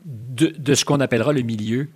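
A man hosting an interview asks polite, measured questions in a formal register. His voice has a husky edge at an ordinary male pitch. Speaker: interviewer, host.

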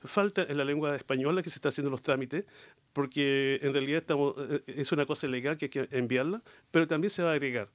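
A man's voice: fairly high pitch, fast talker, no room sound. A middle-aged man speaking earnestly in a panel discussion, with many hesitations. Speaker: guest, diversity advocate. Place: Quebec.

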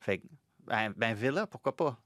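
A man's voice: medium pitch, expressive, moderate pace, a bit bright, no room sound, studio quality. A man with a Quebec French accent, commenting on soccer in a casual panel, hesitant with many restarts.

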